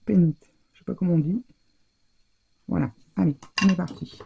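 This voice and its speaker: A woman with a fairly low, gravelly voice speaks at a moderate pace in lo-fi audio with slight background noise. She gives a casual, chatty scrapbooking tutorial at home, hesitating often with fillers and stumbling over English product names.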